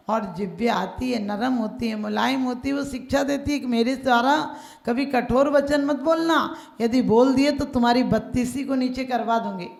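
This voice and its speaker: Female preacher, higher-pitched, gravelly voice, storytelling sermon in a reverberant hall. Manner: storytelling, acting out characters' lines, occasionally chanting verses. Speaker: Jain nun preacher. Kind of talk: sermon with stories and verses. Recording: echoey hall.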